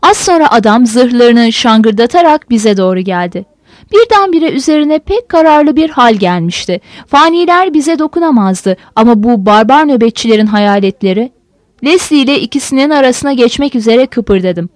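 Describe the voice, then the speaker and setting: A woman reading a novel aloud as a narrator with expressive storytelling. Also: a little high, normal speed, no echo. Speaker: audiobook narrator. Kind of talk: scripted narration.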